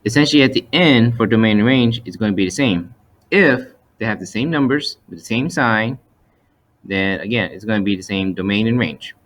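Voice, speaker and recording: A math teacher voices over a screen recording, narrating slides step by step in a methodical, explanatory way and often restating his points. His voice is on the low side and fairly bright in tone, at a normal speed.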